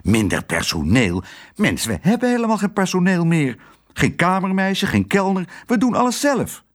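A man's voice: high-pitched, very animated, normal speed, voice pushed up. A man voicing a gloomy middle-aged male hotel owner who talks somberly and cries out in alarm, in a storybook reading. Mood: indignant.

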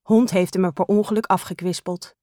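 A woman narrating a children's storybook in an expressive, animated way. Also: medium pitch, fairly quick, no room sound, studio quality. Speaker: storybook reader.

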